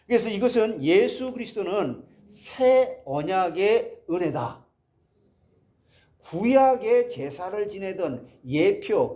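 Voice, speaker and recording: A man's voice: on the high side, warm tone, highs cut off. A man preaching a sermon as pastor, asking the congregation rhetorical questions as he explains a passage.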